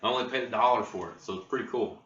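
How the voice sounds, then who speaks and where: An American man with a lowish voice talks casually to his channel, rambling at an unhurried pace. He sounds set back from a built-in laptop mic in an echoey garage, slightly muffled. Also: fairly bright tone. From Ohio, United States. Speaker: video blogger, channel host. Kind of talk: casual vlog chat. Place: home garage. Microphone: built-in laptop camera microphone. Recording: roomy, distant, muffled laptop mic with faint noise.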